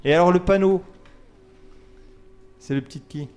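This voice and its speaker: Higher-voiced male quiz host. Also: moderate pace, darkish tone, smooth. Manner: reads multiple-choice questions, counts down, banters with co-hosts. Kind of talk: casual radio quiz segment.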